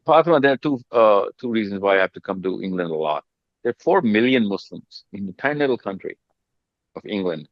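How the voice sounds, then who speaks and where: A man leading a video call meeting, coaching his team in an emphatic, animated way and calling people "buddy". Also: fairly low pitch, fairly quick, dry recording, lo-fi sound. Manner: emphatic, calls people buddy, repeats words.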